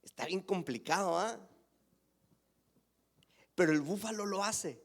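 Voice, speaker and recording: A male pastor preaching a sermon, asking the congregation questions and swinging between emphatic raised lines and hushed near-whispers. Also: high-pitched, lively intonation, unhurried, gravelly.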